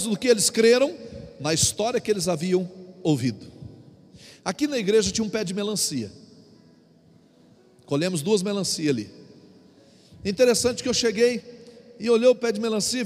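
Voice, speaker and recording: A man preaching a Sunday sermon with a Brazilian accent, telling stories animatedly and acting out quotes with humor. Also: sits high. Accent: Brazilian Portuguese. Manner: animated storytelling preacher, acts out quotes with jokes. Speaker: apostle preaching. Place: church. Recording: long church-hall reverb with faint music.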